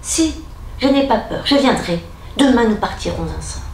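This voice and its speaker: A woman voicing a brave, gentle young woman in a told fairy tale, calm and resolute, in an echoey room. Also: a little high, moderate pace, natural voice.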